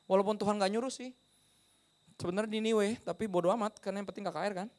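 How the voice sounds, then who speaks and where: A smug preacher who boasts about himself and shrugs off orders, talking in a high, breezy voice, as a man puts him on. He sounds offhand and full of himself. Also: fairly even intonation, fast talker, natural voice. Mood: flippant. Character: smug careless male preacher, dismissive and flippant.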